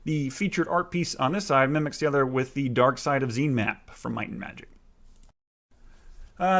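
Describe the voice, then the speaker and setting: A man narrating a casual guided video tour as the guide of his own room. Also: fairly high pitch.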